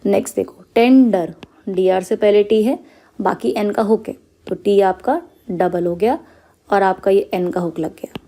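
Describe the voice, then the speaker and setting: A woman's voice: mid-range voice, unhurried, mellow. A woman teaching a step-by-step stenography lesson, explaining each shorthand rule patiently and checking often that her students follow, with English terms mixed into her talk. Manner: explains patiently, checks with frequent "clear?" and "okay".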